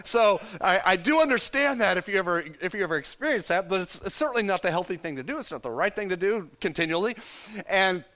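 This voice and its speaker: A middle-aged pastor from Texas with a Texan accent, telling a story in a conversational sermon with self-deprecating humor. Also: male voice, high-pitched, expressive, fast, fairly bright tone.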